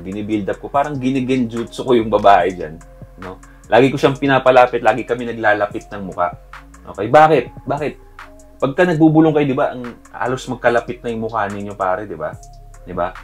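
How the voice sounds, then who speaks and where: A Filipino-accented man with a fairly low voice talks through dating tips in a loose, chatty vlog manner, often turning to the listener as pare or bro. Soft background music plays faintly under his voice. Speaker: dating advice vlogger. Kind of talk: casual advice talk.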